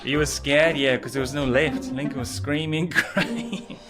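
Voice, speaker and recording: A man's voice: on the high side, fairly even intonation, unhurried, music in the background. A British man filming a travel vlog, complaining with exasperated, mocking remarks as he walks through a hotel and city streets. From United Kingdom. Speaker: vlogger.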